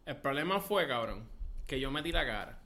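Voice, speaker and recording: A man's voice: mid-range voice, lively intonation, moderate pace, sharp tone. A man with a Puerto Rican accent telling a story in casual, profane chat, slipping English words into his Spanish.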